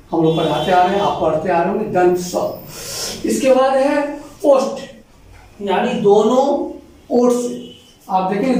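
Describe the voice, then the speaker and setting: In an echoey room, a man speaking from well away from the mic gives children a Hindi grammar lesson, patiently sounding out letters one by one. His voice sits high with a darkish tone and a slight hiss or hum.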